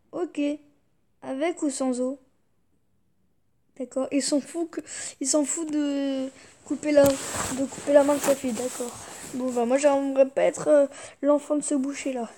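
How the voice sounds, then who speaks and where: High-voiced young woman, slow and mellow. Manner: fighting back giggles, muttering reactions. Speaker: YouTuber. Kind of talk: reading jokes aloud in a laugh challenge.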